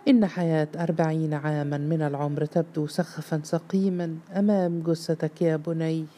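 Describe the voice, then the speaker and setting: A woman voicing a harsh, grief-stricken middle-aged father who pleads and shouts in a storybook reading. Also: low voice, fairly even intonation, brisk, a little hiss or hum, close to an everyday voice. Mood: grieving. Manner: stern, pleading, bursting into shouts.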